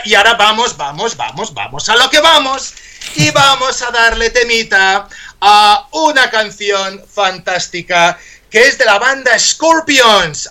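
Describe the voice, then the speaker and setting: A man's voice: high-pitched, bright, forceful tone. A man hosting a live radio show, joking playfully as he teaches English words.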